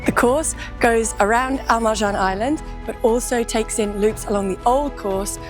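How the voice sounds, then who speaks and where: Woman commentator over clear music. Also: fairly high pitch, moderate pace. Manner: friendly, explanatory. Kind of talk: race commentary.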